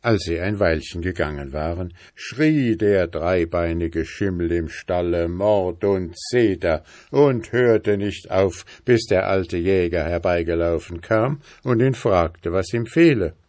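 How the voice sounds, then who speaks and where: A man reading a fairy tale aloud in a calm, measured storytelling manner. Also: deep voice, no room sound, studio quality.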